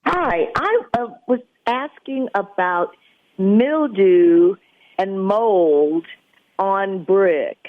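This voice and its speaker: Woman from Louisiana, slow hesitant caller, thin phone-line sound. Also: medium pitch, expressive, no room sound. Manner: hesitant, searching for words. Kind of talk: radio call-in question.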